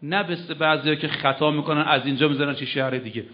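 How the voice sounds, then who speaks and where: High-voiced man preaching a sermon. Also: fairly even intonation. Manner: emphatic, slows for quoted verses, rises and drops sharply. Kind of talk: religious sermon to a live gathering. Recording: dull lo-fi recording.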